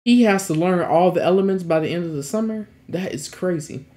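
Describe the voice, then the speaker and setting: A man's voice: sits high, a little fast, mellow. A man in his twenties giving casual reaction commentary in a slangy, exclamatory way. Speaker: reaction video host. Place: small indoor room at home.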